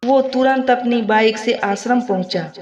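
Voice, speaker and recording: A woman's voice: on the high side, normal speed, darkish tone. A woman narrating a moral family story in plain, moralizing storybook narration. The recording is echoey and slightly muffled.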